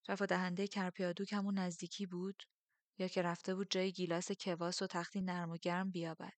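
A woman narrating a first-person novel as an audiobook, measured and steady. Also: fairly low pitch, no echo.

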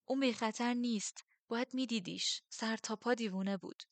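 A woman's voice: on the high side, dry recording, voice pushed up, lightly acted. A woman voicing a frightened, stubborn young heroine who sounds tense and uneasy. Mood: insistent.

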